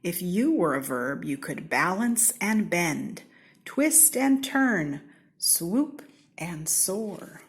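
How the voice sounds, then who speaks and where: An American woman from Seattle reads children's picture books aloud in a slightly low voice. She is unhurried yet very animated, theatrical and deliberate, adding playful emphasis and whispered asides.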